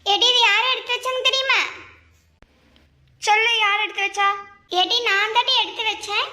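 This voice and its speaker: A woman voicing a sharp-tongued mother in a cartoon, scolding and nagging her daughters. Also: very high-pitched, steady tone, normal speed, echoey room, exaggerated voice. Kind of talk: cartoon family drama.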